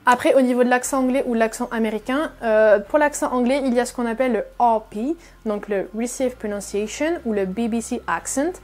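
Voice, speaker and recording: A woman's voice: fairly high pitch, brisk, few pauses, a little mellow. A woman hosting a reaction video, explaining casually with many fillers and frequent restatements. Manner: chatty, many fillers and repeated "effectivement".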